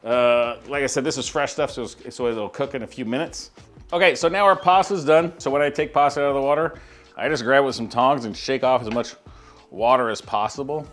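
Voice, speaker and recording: A man's voice: medium pitch, a little fast, fairly bright tone, soft background music. A man hosting a casual cooking demonstration in a kitchen, talking through each step in an easygoing way with frequent filler sounds. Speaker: chef hosting a cooking demo.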